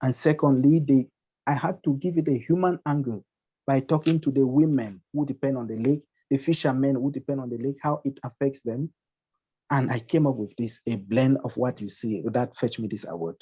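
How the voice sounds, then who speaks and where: Speaking at a moderate pace, a Cameroonian man, himself an award-winning journalist, gives a webinar panel answer over a video call about his reporting. He explains fluently, circling back to repeated phrases, in a mellow mid-range voice with a breathy edge, through dull, lo-fi call audio.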